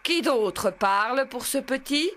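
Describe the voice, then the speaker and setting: A proud wolf chief from a storybook, put on by a woman narrator. He speaks with command and calm authority. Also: sits high, takes it slowly, voice pushed up, full character voice. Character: proud male wolf pack leader.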